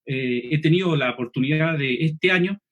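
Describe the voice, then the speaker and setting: Chilean man, high and slightly husky, running an online preaching class; quick, clipped delivery. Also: a bit bright. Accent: Chilean Spanish. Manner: quick, clipped speech, swallows final S, frequent "¿cierto?" checks. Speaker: preaching instructor. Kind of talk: online seminar lesson.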